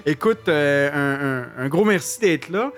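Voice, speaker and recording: A man's voice: fairly high pitch, animated, a little slow. A man with a Québécois accent hosting a casual radio chat, joking and laughing at his own puns, with plenty of fillers. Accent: Québécois French. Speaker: radio show host.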